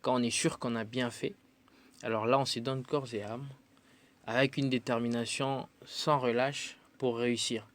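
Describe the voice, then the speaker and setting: With fairly even intonation, a moderate pace, and a mid-range voice, a man from the Democratic Republic of the Congo appears as a musician on a radio interview. He considers his answers, hesitating often and using frequent fillers.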